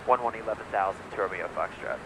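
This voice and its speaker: A man flying as pilot, speaking through a cockpit headset mic and giving brisk procedural checklist callouts and radio calls. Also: lowish voice. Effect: pilot talking over a cockpit headset mic. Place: small jet cockpit in flight. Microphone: aviation headset. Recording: loud engine noise in cockpit.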